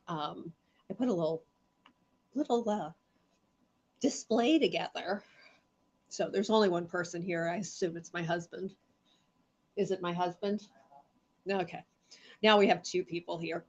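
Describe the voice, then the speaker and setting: On a muffled recording, a middle-aged woman with a lowish voice hosts a live gem show online. It's rambling, casual live-stream chat: she greets viewers by name while congested and coughing from allergies.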